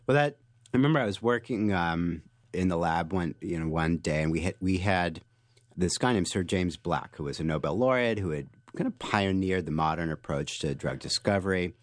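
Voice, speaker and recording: Male guest, very deep voice, dry studio sound, animated storyteller. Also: moderate pace, dry recording. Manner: animated explainer, frequent restarts and fillers. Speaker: author and guest. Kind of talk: interview answers, storytelling.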